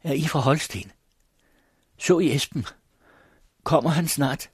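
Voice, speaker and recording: A man's voice: on the high side, breathy edge, no room sound, studio quality, voice pushed up. A man reading aloud voices a young woman who has lost her mind, eagerly asking after her sweetheart. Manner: eager, breathless questions. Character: young madwoman, dreamy and eager, awaiting her lover.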